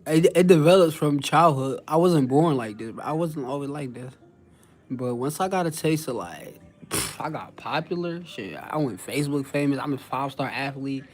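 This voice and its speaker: A young man, talking casually to his livestream chat. He brags in heavy street slang, swears freely and reads out viewers' messages as he goes. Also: a little high. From New Jersey. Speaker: livestream host.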